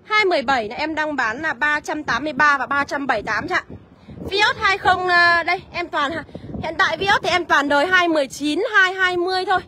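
A woman selling used cars on a live walkaround, listing prices briskly and calling out to viewers by name. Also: extremely high pitch, bright, forceful tone, slight background noise. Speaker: used car seller.

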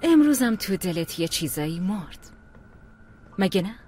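A woman's voice: mid-range voice, sing-song, dark tone, a little hiss or hum, natural voice. A voice actress dubbing a spiteful woman rival who taunts her defeated opponent with mocking pity in a TV drama. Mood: taunting. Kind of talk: dubbed TV drama.

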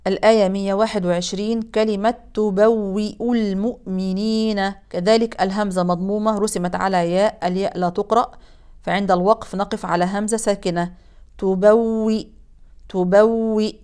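A woman teaching Quran recitation rules, explaining briskly and then drawing out example words very slowly. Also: mid-range voice, fairly even intonation, a little mellow, clean tone. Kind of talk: tajweed lesson with slow recited examples.

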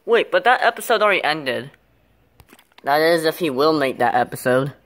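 Rambling low-pitched woman with lots of fillers. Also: expressive, normal speed, fairly bright tone. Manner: rambling, filler-heavy, giggly. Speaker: plush video creator. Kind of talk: casual commentary for a plush skit video.

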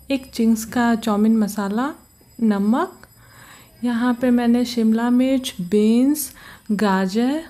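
A woman with a fairly high but dark-toned voice hosts a home cooking channel, narrating a recipe step by step in her home kitchen. She's slow and patient, and often points things out to viewers, repeating "ye dekhiye".

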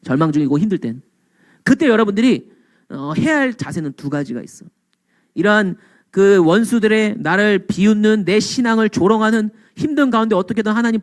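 A man preaching a sermon as pastor, blunt and colloquial, swinging from low murmurs to raised, emphatic cries. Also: brisk.

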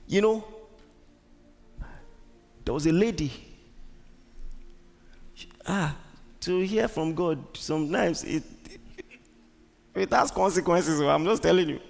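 A man's voice: on the high side, slow pace, vocal fry, pauses often, faint music behind. A man with a Nigerian accent preaching a sermon as pastor, emphatic, repeating words and questioning the congregation. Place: large church hall. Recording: long church-hall reverb.

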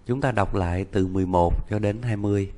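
A man teaching a self-study language lesson, counting slowly and repeating each word with deliberate care. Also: on the low side, dark tone. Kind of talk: slow instructional lesson.

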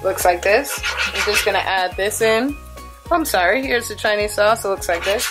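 A woman's voice: mid-range voice, normal speed, music in the background. A woman filming a casual cook-along in her home kitchen, chatty and upbeat as she talks through each step. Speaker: cooking vlogger.

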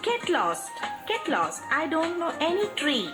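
A man putting on the voice of a haughty young city woman, in a high, drawn-out falsetto that slips into English. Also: wildly swooping pitch, roomy sound, music in the background, exaggerated voice. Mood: snooty.

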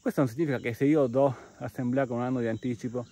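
A man's voice: medium pitch, fairly even intonation, quick pace, warm tone. A man hosting a podcast, chatting casually while walking outdoors, quoting imagined listeners and a little out of breath. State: out of breath from climbing. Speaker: podcast host. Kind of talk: walking vlog talk. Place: outdoors on a trail by a cave.

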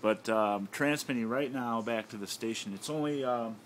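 An American amateur radio hobbyist with a mid-range voice gives a casual, off-the-cuff demonstration at a moderate pace, thinking aloud hesitantly. He's indoors at his home radio desk, and the handheld recording is noisy.

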